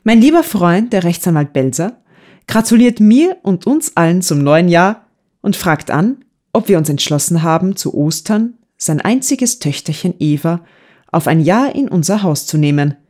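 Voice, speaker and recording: A woman's voice: fairly low pitch, animated, moderate pace, mellow. A woman reading a kindly middle-aged father who talks genially to his family in an audiobook.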